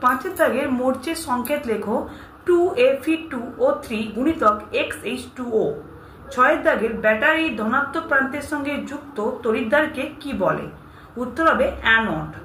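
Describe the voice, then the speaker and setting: A woman's voice: sits high, normal speed. A woman teacher, reading exam questions and their answers aloud and steadily telling students what to learn. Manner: steady, instructive, addresses students directly. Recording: echoey room with faint hiss.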